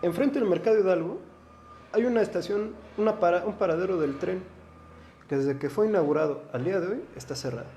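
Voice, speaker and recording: A man's voice: high voice, brisk, warm tone, roomy sound, a little hiss or hum. A man with a Mexican Spanish accent, a lawyer and guest in a studio interview, talking earnestly and stammering on his opening words.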